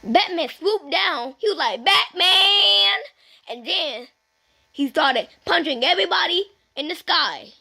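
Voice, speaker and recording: A chatty puppet frog, voiced by a woman, rambles through a tall tale in a very high, gravelly voice. The frog takes its time telling the story in a home-made puppet comedy. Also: expressive, slow, sharp tone, exaggerated voice. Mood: storytelling.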